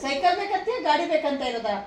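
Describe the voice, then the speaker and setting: A woman with a Kannada accent from Kalaburagi, gently coaxing and consoling a crying child in a casual family vlog. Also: high voice, big pitch swings, quick pace. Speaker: vlogger. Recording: echoey room, faint noise.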